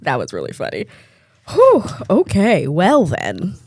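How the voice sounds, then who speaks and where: Woman co-host, husky, loose and giggly chat. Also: on the low side, unhurried, no room sound, clean studio sound. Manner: giggly, animated storytelling. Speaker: morning show co-host. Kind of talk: casual chat. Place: TV studio.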